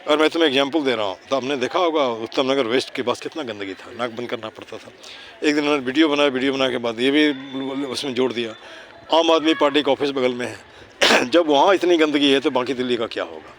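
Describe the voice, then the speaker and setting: A man's voice: medium pitch, fast talker, fairly bright tone, a little hiss or hum. Man teaching kids outdoors, full of tag questions. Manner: checks understanding with constant tag questions; mixes English words and phrases into Hindi. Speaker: neighbourhood cleanliness volunteer teaching children. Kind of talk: casual outdoor teaching chat. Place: outdoors near a city park.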